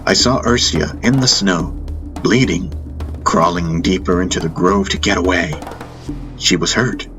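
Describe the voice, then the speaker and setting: Over a music bed, a man with a deep, unhurried voice narrates a fantasy audiobook in the first person, telling the story in an intense, solemn, dramatic way.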